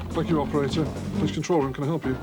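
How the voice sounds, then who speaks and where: A man's voice: fairly high pitch, fairly even intonation, very fast. A man speaking as a police control room operator, with a businesslike, explanatory delivery. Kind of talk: brisk emergency call handling and explanation. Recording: music behind the voice.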